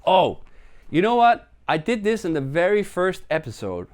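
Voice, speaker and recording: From his apartment, a Danish musician hosting a live stream chats with viewers at normal speed in a high, very animated voice. He rambles on casually and pokes fun at himself.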